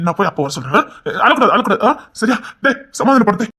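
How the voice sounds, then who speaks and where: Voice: medium pitch, sing-song, fast, breathy edge, exaggerated voice. A voice actor doing a devoted pleading husband. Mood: pleading, scolding. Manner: pleading, swearing loyalty, scolding loudly. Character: devoted young husband, loud and protective. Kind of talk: Tamil romance audio drama.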